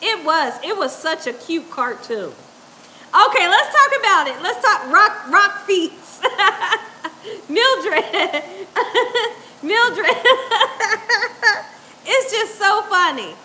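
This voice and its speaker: A middle-aged woman, hosting a casual livestream from her home kitchen and reading out chat, laughing often and chatting in an animated way. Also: very high-pitched, drawn-out words, pauses often. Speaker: cooking channel host reading live chat. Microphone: lapel mic.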